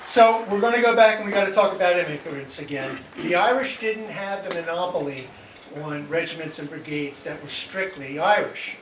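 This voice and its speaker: A man leading a band and introducing tunes at a live concert, chatty and self-deprecating, halting with many fillers. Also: sits high, noisy background. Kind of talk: live concert stage talk. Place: concert hall. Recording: echoey hall from far off.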